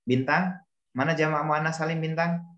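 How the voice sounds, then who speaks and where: A man's voice: a little high, fairly even intonation, normal speed, a bit bright, echoey room, lo-fi sound. A male teacher giving a grammar lesson, explaining patiently, repeating examples and calling on students by name. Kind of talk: classroom lesson.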